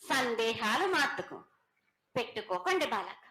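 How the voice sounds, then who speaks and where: A woman's voice: fairly high pitch, very animated, unhurried, reverberant, heavy background noise. A woman oracle speaks in a prophetic trance voice, chanting and declaring repetitively as if she were the goddess. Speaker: oracle at a temple festival.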